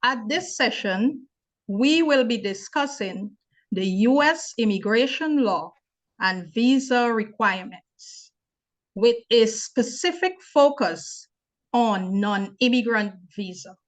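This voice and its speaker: A young woman from Guyana, hosting and moderating a webinar on a video call, speaking in a measured, formal way. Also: a little high, lively intonation. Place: home or office on video call. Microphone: laptop mic on video call. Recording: dull lo-fi video call audio.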